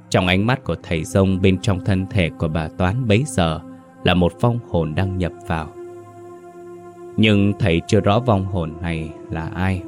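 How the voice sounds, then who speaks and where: A man narrating a ghost story in a steady, measured storytelling voice. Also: low-pitched.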